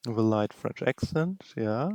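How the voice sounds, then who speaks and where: A man narrating a software tutorial, explaining steps slowly and thinking aloud. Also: mid-range voice, animated, no room sound, clean studio sound. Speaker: tutorial host. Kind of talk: screen-recording tutorial narration.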